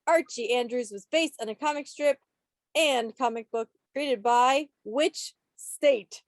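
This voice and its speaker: Hosting a club's trivia quiz over video call, a woman takes it slowly, teasing playfully and adding mock-dramatic asides. Her voice is a little high, and the recording is studio quality with no echo.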